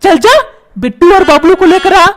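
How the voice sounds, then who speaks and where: A woman's voice: very high-pitched, animated, moderate pace, a little hiss or hum. A woman voicing a grumpy, put-upon old husband and father who scolds and complains. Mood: scolding. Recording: music playing behind.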